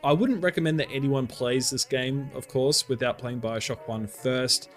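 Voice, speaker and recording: Male co-host, excitable rambler who laughs a lot, mid-pitched, faint music underneath. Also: moderate pace. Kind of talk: casual gaming chat.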